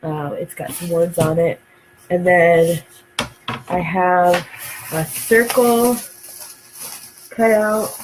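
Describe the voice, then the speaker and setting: A woman's voice: on the low side, fairly even intonation, drawn-out words, pauses often, background noise. Stuffy-nosed woman hosting a craft live stream. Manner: rambling, full of ums and uhs. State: stuffed up and dry-throated from a cold. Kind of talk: casual live-stream chat.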